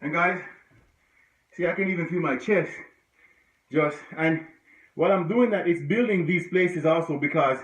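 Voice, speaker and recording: Guy coaching a home workout, bright and punchy, kinda out of breath, far off in an echoey room. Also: on the high side, moderate pace, pauses often. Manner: encouraging, chatty, breaks off mid-exercise with grunts. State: out of breath at times. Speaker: fitness instructor.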